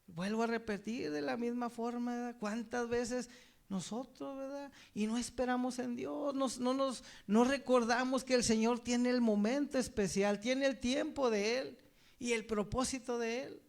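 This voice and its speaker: A man's voice: very high-pitched, steady tone, unhurried, creaky. A man preaching a sermon, reading scripture aloud and putting rhetorical questions to his listeners, often calling them brother. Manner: reads scripture aloud, then asks the congregation rhetorical questions; addresses listeners as brother, with many filler "right?" tags.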